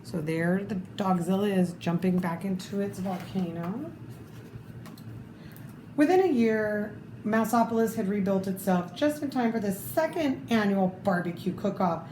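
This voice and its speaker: A woman reads a children's storybook aloud in a mid-range, mellow voice, animated yet a little slow, with expressive delivery and small asides to the listener. The sound is roomy and echoey, and background noise is clearly audible.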